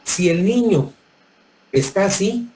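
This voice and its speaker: A man's voice: high-pitched, expressive, slow pace, a little mellow, slight background noise, poor audio. A middle-aged man with a Mexican accent lecturing medical students, talking colloquially, addressing them directly and often repeating words as he restarts his sentences. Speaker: medical school professor. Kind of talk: classroom lecture with anecdotes.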